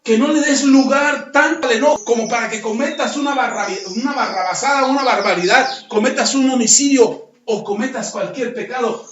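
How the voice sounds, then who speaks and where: High-pitched guy preaching, does little voices for the dialogue, echoey far-off mic, bit of hiss. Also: brisk, few pauses. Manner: acts out dialogue in lively voices. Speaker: pastor. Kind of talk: sermon. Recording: roomy, distant, dull sound with faint noise.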